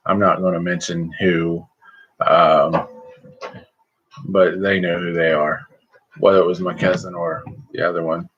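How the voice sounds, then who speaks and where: A middle-aged man chatting casually and folksily on a livestream, rambling along with hesitant pauses. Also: sits low, flat delivery, a bit bright, breathy edge. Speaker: host of a livestream vlog. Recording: slightly muffled, lo-fi livestream audio.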